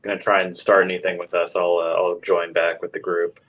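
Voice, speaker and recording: A man's voice: deep voice, flat delivery, fairly quick, a bit bright. A man playing a tabletop game, talking casually through his character's plans. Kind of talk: casual chat.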